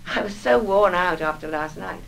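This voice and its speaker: A woman's voice: on the low side, normal speed, gravelly, a little hiss or hum, rough recording. An actress in 1960s film acting playing a nervous, fragile middle-aged mother who talks anxiously and defensively, rambling on.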